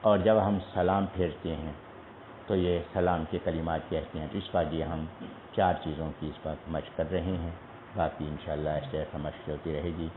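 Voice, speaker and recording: A man's voice: very deep voice, fairly even intonation, noisy background. A man teaching a Quran recitation lesson, patiently spelling out pronunciation syllable by syllable. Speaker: religious teacher. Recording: echoey tinny lo-fi broadcast audio.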